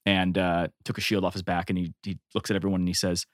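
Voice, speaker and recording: A man's voice: low-pitched, fast, dry recording, clean studio sound. A man chatting casually and joking as a player in a tabletop role-play game. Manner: chatty, jokey, animated. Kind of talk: casual gaming chat.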